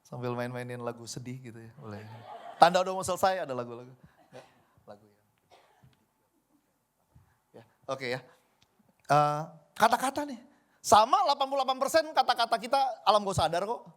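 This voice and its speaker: A man's voice: high voice, lively intonation, brisk, long pauses, fairly bright tone. A man preaching a conversational sermon, acting out everyday dialogue in different voices. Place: church service hall. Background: faint keyboard music.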